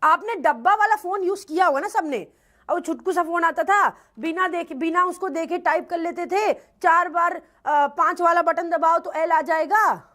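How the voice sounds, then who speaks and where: High-voiced woman teaching English. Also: normal speed. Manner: lively, quizzing students with rhetorical questions. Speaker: English teacher for bank exams. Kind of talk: classroom lecture.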